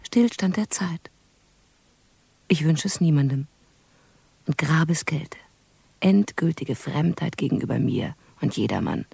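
An actress voicing a haunted young prophetess in a radio play, narrating in the first person with intense delivery that sinks into whispers. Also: female voice, low-pitched, animated, measured pace, creaky, long pauses, mellow, breathy edge, no echo, exaggerated voice.

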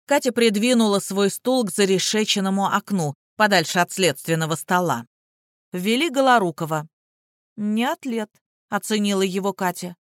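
A reader narrating a crime story in steady, even storytelling. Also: mid-range voice, moderate pace, dry recording, studio quality. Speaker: audiobook narrator. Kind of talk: scripted narration.

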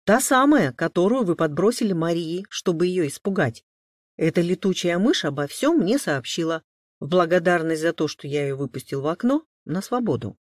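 A man's voice: sits high, animated, moderate pace, no room sound. A man playing a stern, dry-humored father. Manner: stern, mock-threatening. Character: stern but kind father, grown man.

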